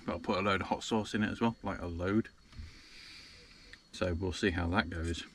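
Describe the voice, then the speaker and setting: A man's voice: low voice, normal speed, slightly rough. A man chatting casually to camera from inside a small parked van, rambling with lots of ums. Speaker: van-life vlogger.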